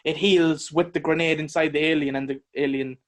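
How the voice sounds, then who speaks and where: A man co-hosting a podcast, chatting casually about a movie in a blunt, animated way and swearing freely. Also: on the high side, brisk. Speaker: podcast co-host. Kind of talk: casual movie review chat.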